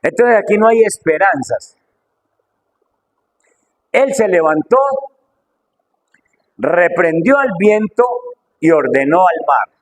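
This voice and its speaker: Middle-aged preacher guy, fervent, tons of rhetorical questions, voice a bit high. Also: animated, slow, pauses often, poor audio. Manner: fervent, full of rhetorical questions, wide swings in pitch and loudness. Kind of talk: sermon.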